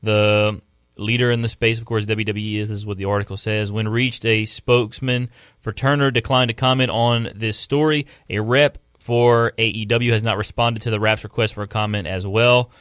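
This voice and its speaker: A man's voice: lowish voice, steady tone, moderate pace, a bit bright, clear, resonant tone, no echo, studio quality. A man hosting a wrestling podcast, laying out the episode and reading a news article aloud in a laid-back way, stumbling over words. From Louisiana. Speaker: podcast host.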